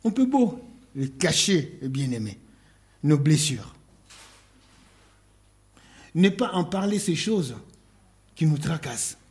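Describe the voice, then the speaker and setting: Slow, emphatic male preacher. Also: on the high side, big pitch swings, a little mellow. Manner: slow, emphatic, quotes scripture aloud; asks rhetorical questions. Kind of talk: sermon.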